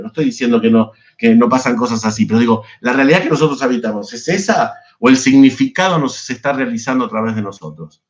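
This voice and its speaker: A man with an Argentine Spanish accent giving an online psychoanalysis lecture, discursive and constantly checking in with his listeners. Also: medium pitch. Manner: discursive, peppered with checking questions. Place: home, online class.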